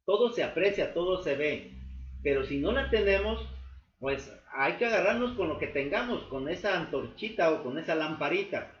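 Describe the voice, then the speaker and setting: A man's voice: a little high, lively intonation. Man teaching a Bible lesson. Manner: explains slowly, with many fillers and restatements. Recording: echoey, dull room recording with faint noise.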